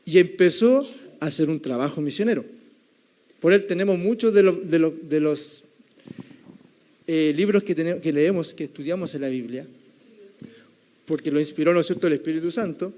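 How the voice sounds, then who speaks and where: Mellow-voiced young preacher. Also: male voice, a little high, normal speed, long pauses. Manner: keeps adding the tag question "right?", storytelling tone. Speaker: theology student preaching. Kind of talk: sermon.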